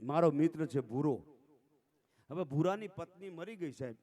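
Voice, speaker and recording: A man's voice: fairly high pitch, animated, moderate pace, dark tone. A man, telling folk stories and jokes on a dayro stage in a rhythmic, declaiming manner. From Gujarat. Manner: declamatory, rhythmic recitation of sayings, with frequent "saheb" addresses. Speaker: folk dayro storyteller and emcee. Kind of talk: folk stage oratory with humorous anecdotes.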